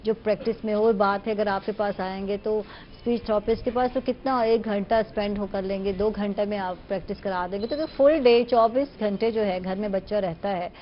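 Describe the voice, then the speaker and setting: A woman with a Pakistani Urdu accent hosting a morning TV talk show, chatty and playful, with quick back-channel replies. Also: mid-range voice, fairly even intonation, lo-fi sound, slight background noise. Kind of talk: casual TV talk show chat.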